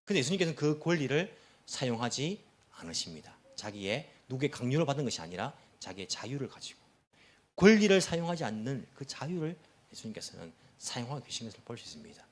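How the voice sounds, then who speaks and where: A man's voice: mid-range voice, fast talker. A male pastor preaching a sermon, asking the congregation questions and acting out quoted speech. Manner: animated, acts out quoted speech.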